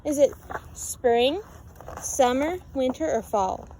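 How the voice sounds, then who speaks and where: Slowly and expressively, a high-voiced storybook reader shares a children's picture book, repeating phrases in a sing-song way and asking her listeners questions. Steady background noise runs through the rough recording.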